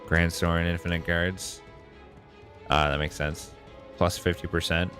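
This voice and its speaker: A man doing casual live game commentary, thinking out loud and answering viewers as he plays. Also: low-pitched, little pitch movement, measured pace. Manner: reads and answers viewers' messages aloud. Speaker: game streamer. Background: game music.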